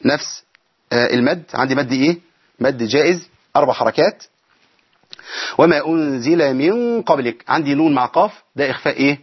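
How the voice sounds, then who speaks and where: A man's voice: mid-range voice, fast, husky, lo-fi sound. A man with an Egyptian accent teaching Quran recitation on a broadcast program from a studio. He explains each rule and keeps asking rhetorical questions to the audience. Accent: Egyptian Arabic. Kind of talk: broadcast tajweed lesson.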